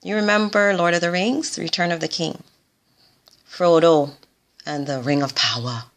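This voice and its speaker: A woman doctor in her forties speaks in a motivational vlog to foreign medical graduates. Her voice sits low and carries a gravelly rasp. She talks earnestly and repeats her key phrases for emphasis. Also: animated, a little fast, a bit bright.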